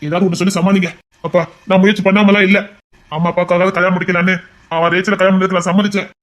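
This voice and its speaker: A man's voice: high-pitched, little pitch movement, rapid-fire, close to an everyday voice. A man playing a stubborn lovesick son. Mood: stubborn, pleading. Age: 20s. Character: lovesick young adult son refusing an arranged marriage. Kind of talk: amateur audio drama.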